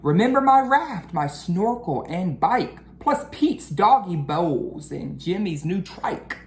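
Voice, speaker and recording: An educator, a woman with a low voice, reads a children's storybook aloud slowly in a sing-song manner. The recording has a roomy echo and faint background noise.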